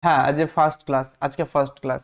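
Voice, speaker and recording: A man's voice: a little high, steady tone, very fast. A man teaching a spelling lesson, repeating points and asking the class questions.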